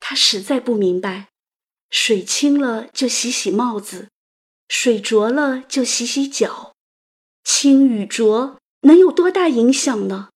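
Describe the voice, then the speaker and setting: A woman host narrating a literary story in a delicate, gentle, romantic manner. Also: fairly high pitch, slightly rough. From China. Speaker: audio program host and narrator.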